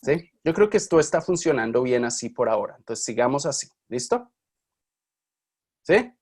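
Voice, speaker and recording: A man's voice: medium pitch, very animated, moderate pace, a little mellow, husky. A man teaching an online university class, lecturing casually and often checking in with his students. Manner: chatty, checks in with frequent questions. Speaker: university Spanish linguistics teacher.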